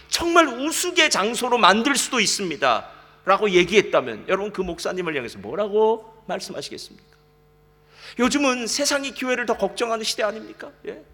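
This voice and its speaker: A man preaching a sermon as a pastor, talking lively and conversational, often asking the congregation questions. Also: extremely high pitch. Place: church sanctuary. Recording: reverberant church hall.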